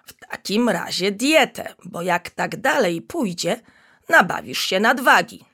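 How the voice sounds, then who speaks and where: A woman's voice: mid-range voice, lively intonation, measured pace, bright, forceful tone, exaggerated voice. A woman voicing an old, wise male baboon doctor who hums thoughtfully as he talks.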